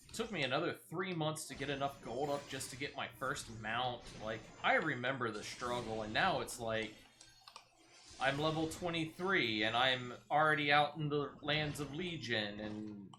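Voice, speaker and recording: With some background noise in the mix, a man streaming a game talks conversationally with a viewer as he plays. His medium-pitched voice is expressive and moves at a normal speed.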